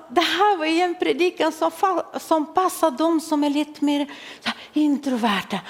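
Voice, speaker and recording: A woman in her forties preaching a sermon to a congregation, humorous and self-mocking, laughing along with the listeners. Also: high voice. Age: 40s. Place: church hall. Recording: long hall reverb.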